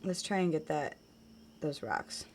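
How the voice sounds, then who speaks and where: A woman chatting casually while she plays a game, rambling on and trailing off into quiet mutters as she focuses. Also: low-pitched, animated, a little slow, slight background noise. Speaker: game streamer.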